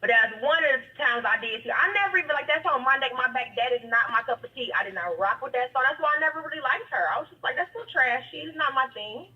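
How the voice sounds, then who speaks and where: A woman's voice: sits high, animated, racing, hardly any pauses. A talkative woman calling in to a talk show over the phone, chatting casually in informal, slangy speech. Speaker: caller to an online talk show. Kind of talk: casual chat. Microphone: phone call. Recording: muffled, distant phone-call sound.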